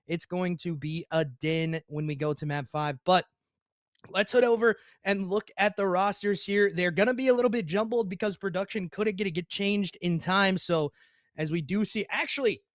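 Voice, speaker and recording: Young guy doing esports play-by-play, kinda high voice, dead dry sound, hiccuping n saying sorry to chat. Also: dry recording. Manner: hiccuping, apologetic asides to chat. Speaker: esports caster. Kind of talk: play-by-play commentary.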